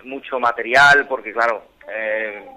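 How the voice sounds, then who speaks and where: A man in his thirties from Barcelona, calling in to a radio show and telling his story earnestly, with many halting restarts. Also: mid-range voice, steady tone, pushed and bright, poor audio. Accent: Spanish, from Barcelona. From Spain. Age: 30s. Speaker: caller. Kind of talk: phone-in interview.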